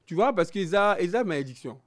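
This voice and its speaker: A man born in Belgium and raised in Congo, speaking as a guest in a frank sit-down interview. His voice sits somewhat high and he talks with emphasis and animation. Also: brisk. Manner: animated, emphatic, switching between French and Lingala. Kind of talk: candid personal interview.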